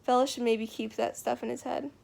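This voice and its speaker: Lonely farmer man, bitter, rambling, drawling rural dialect, gravelly voice, read by a woman. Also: a little high, steady tone, brisk, a little mellow. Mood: apologetic.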